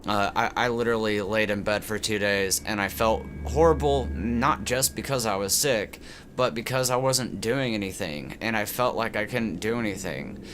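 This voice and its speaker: Hosting his gaming channel, a man with a fairly low voice talks at normal speed, sounding stuffed up from a cold as if speaking through a tube. His gameplay commentary rambles loosely with many fillers and restarts, over a noisy background.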